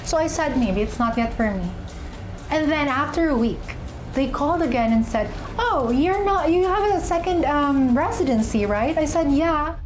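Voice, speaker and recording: A young woman, an actress and pageant contestant, candidly recounting her personal journey in an interview, often pausing to find her words. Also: high voice, lively intonation, low-quality recording. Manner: candid, searching for words with fillers and restarts. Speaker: interviewee, actress and beauty queen. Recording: music bed underneath.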